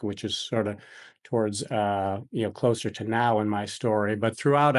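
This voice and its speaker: A middle-aged American physician from Buffalo, New York, answers interview questions conversationally. His voice is on the low side, and his phrasing is hesitant and meandering.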